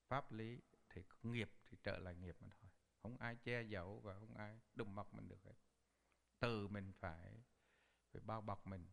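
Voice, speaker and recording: A man's voice: fairly low pitch, creaky. A man giving a Buddhist sermon, telling a story and acting out the quoted voices. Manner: animated storyteller, acts out quoted speech. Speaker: Buddhist teacher.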